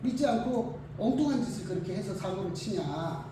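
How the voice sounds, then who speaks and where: A preacher voicing God as a stern, commanding figure who rebukes, in a loud, emphatic telling of a Bible story. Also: medium pitch, animated, brisk, heavy reverb, distant mic, a little hiss or hum, close to an everyday voice. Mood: scolding.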